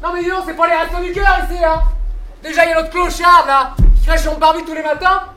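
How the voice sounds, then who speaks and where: An actor playing a gruff, rude café owner. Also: extremely high pitch, fairly even intonation, fairly quick, music in the background. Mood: mocking. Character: grumpy rude male café owner with a moustache. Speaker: café owner in a stage play. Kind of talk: amateur stage acting. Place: indoor theatre stage. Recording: roomy stage sound with faint noise.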